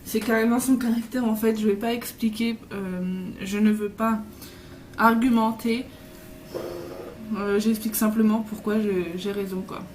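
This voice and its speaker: Filming a travel vlog in her hotel room, a vlogger in her twenties rambles casually, full of fillers and restarts as she corrects herself. She speaks a little slowly, with a fairly high, steady, darkish voice, captured in a roomy, distant, noisy recording.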